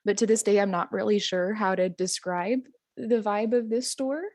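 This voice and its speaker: A woman's voice: medium pitch, fairly even intonation, normal speed, a little mellow, no room sound. A woman telling a long comic story in a stand-up set, chatty and self-amused, with frequent ums and little chuckles. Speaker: stand-up comedian.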